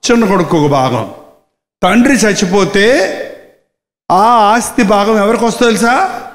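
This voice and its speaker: A man preaching a live sermon, acting out characters and asking the crowd rhetorical questions. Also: high-pitched. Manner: animated, acts out the characters in dialogue. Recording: echoey hall reverb.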